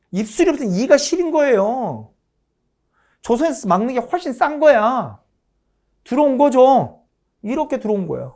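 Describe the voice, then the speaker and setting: Lively woman lecturing on history. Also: medium pitch. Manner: animated, asks the class questions and answers them herself; emphatic, repeats her points.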